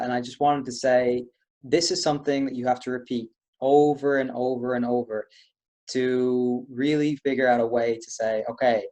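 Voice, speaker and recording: A man's voice: medium pitch, dark tone. A man leading an online stress-relief webinar, coaching listeners through posture and breathing steps. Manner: coaching, gives step-by-step physical instructions. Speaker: webinar presenter. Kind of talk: guided stress-relief talk.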